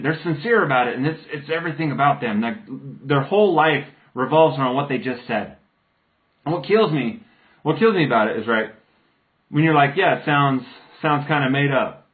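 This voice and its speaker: A man live-streaming to viewers, chatting loudly and rambling with restarts and jokes. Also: fairly high pitch. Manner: loud, joking, rambling with restarts; ranting. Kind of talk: casual live-stream chat. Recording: tinny phone-like sound.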